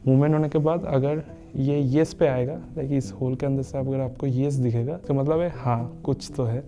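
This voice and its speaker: A man's voice: medium pitch, muffled recording. A man vlogging outdoors on a lawn at night, casually explaining and demonstrating gadgets while mixing Hindi and English. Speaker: vlogger testing ghost-hunting gadgets. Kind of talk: casual explanatory vlog talk.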